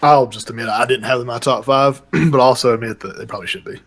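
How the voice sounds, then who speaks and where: A man's voice: mid-range voice, steady tone, quick pace. A man co-hosting a sports podcast in a casual debate, easygoing and reeling off stats. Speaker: podcast co-host.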